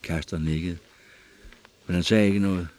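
A man narrating an audiobook in a measured, expressive storytelling manner. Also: low-pitched.

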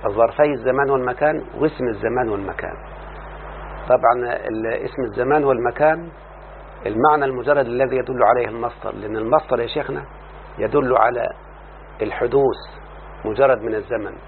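Man, egyptian accent, classroom grammar lesson, tinny lo-fi sound, faint hum. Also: medium pitch. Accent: Egyptian Arabic. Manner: explains slowly, often asks the class "yes, sheikh?". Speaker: teacher of Arabic morphology.

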